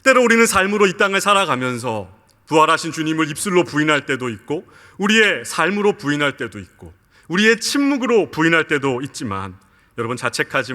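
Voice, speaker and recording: A pastor preaches a sermon in a church sanctuary, his bright, forceful voice rising and falling in lively arcs. He earnestly leans on and draws out each line he quotes, often turning to address the congregation. A long church reverb makes his words ring out.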